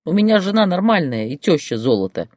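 A reader voicing a sulky, sardonic young man who grumbles back at his accusers quickly and dryly. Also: mid-range voice, big pitch swings, darkish tone, no room sound, clean studio sound, pitched above the performer's own voice, natural voice. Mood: grumbling.

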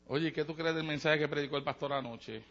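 Man doing a hushed gossiping churchwoman. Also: a little high, fairly quick, voice pushed down. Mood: sly. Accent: Puerto Rican Spanish. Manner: hushed, conspiratorial. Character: gossiping woman churchgoer, nosy and sly. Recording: dull lo-fi sermon recording.

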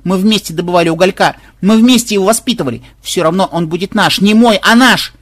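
A man voicing an earnest young granddaughter who calls out urgently, in a husky voice. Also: high-pitched, fast, pitched above the performer's own voice. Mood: pleading. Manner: urgent pleading cries.

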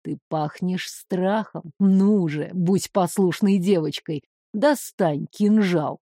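A woman voicing a sadistic young male count who speaks in a soft, insinuating, mocking drawl in an audiobook. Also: medium pitch, a little slow, dry recording, clean studio sound, natural voice. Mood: menacing.

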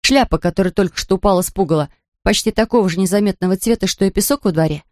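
A woman narrating a children's storybook in an expressive, even reading. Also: mid-range voice, very fast, no room sound, studio quality. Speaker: audiobook narrator.

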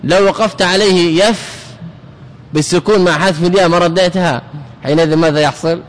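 A man's voice: high-pitched, fairly even intonation, quick pace, in a large hall. A man teaching Arabic grammar in a lecture, explaining step by step, repeating key words and putting questions to the class.

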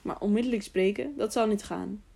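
A grumpy, sleep-roused innkeeper in a storybook tale, voiced by a woman narrator. He answers gruffly and curtly, grumbling about being woken and about his stiff legs. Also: mid-range voice, brisk, warm tone. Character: grumpy sleepy middle-aged male innkeeper.

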